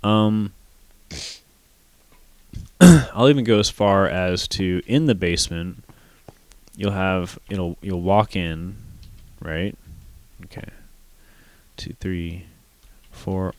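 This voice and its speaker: Low, slow-talking male game streamer. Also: a little mellow, smooth, dry recording. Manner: mutters to himself while building. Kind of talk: casual gameplay commentary.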